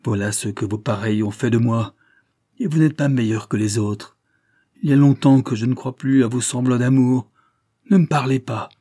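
A man's voice: mid-range voice, fairly even intonation, moderate pace, warm tone, no room sound, studio quality, close to an everyday voice. A man reading an audiobook and voicing a passionate young society woman who speaks with vehemence, first pleading, then scornful.

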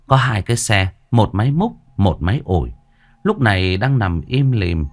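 Expressive male ghost-story narrator. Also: on the low side, moderate pace. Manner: dramatic, expressive.

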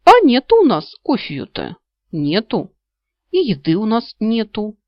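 A woman's voice: a little high, wildly swooping pitch, unhurried, no echo, pitched above the performer's own voice. A woman voicing a sly, greedy male talking dog who whines and wheedles nasally, in a storybook reading. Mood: whining. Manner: whiny mock-beggar wheedling, nasal. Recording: slightly dull lo-fi audio.

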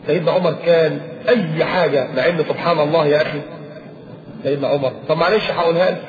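A man with an Egyptian accent preaches at a rapid clip in a fairly high voice. He acts out little exchanges between people with humor and drive. The recording is dull, lo-fi tape with plenty of room echo. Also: background noise. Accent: Egyptian Arabic. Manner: lively, acts out dialogues with humor. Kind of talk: religious lecture. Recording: roomy, dull lo-fi lecture tape.

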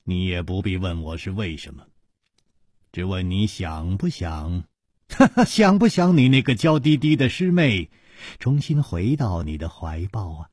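A man voicing a scheming, coaxing gang man in a storybook tale, talking quickly with a chuckle. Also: deep voice, expressive, a little mellow, no room sound, studio quality, voice pushed down, heavily acted. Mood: wheedling, sly. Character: sly, scheming middle-aged male gang man.

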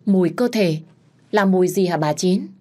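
A woman's voice: lowish voice, normal speed, darkish tone, natural voice. A woman voicing an anxious young heroine who speaks politely to her elders.

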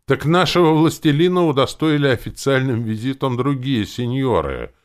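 A man's voice: lowish voice, sing-song, moderate pace, voice pushed up. A man voicing a bossy, grumbling male zombie quartermaster who wheezes and barks orders in an audiobook. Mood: explaining. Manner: gruff, wheezing, shouting orders. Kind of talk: audiobook character voice.

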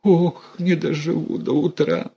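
A man doing a wailing, shrill old mother. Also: unhurried, gravelly, dark tone, slightly rough, lo-fi sound, full character voice. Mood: cursing. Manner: moaning, lamenting with sighs. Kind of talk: audiobook character voice.

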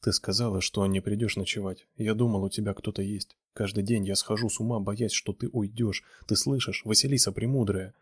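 A man's voice: fairly low pitch, fairly even intonation, fairly quick, hardly any pauses, breathy edge, dry recording, clean studio sound. A man reading a novel aloud, voicing a big broad-shouldered young man who pleads urgently. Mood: pleading. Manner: urgent, raised voice.

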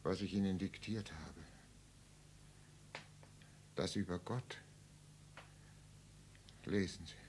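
An actor playing a frail, dying old man who speaks faintly and haltingly from his sickbed in a radio play. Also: low voice, fairly even intonation, darkish tone, a little hiss or hum. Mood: faint, weary. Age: older.

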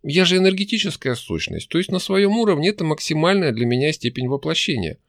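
A sulky young female demon with a petulant, mocking edge, as a male narrator puts her on. The voice climbs higher than his own and swings through a lively range. The recording is close and dry. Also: quick pace, no echo. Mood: sullen.

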